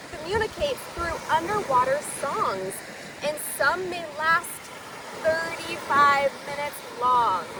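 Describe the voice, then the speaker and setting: A woman reads a children's picture book aloud in a high, lively voice with wide swings in pitch, taking her time and adding asides that explain words simply for young listeners. The mic is distant, and a noisy, surf-like outdoor ambience surrounds her.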